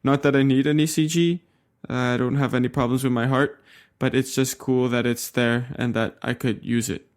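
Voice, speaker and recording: Young man from Canada, relaxed podcast co-host, mid-pitched voice, casual and unhurried. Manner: relaxed, easygoing, laughs along. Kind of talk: casual tech podcast banter.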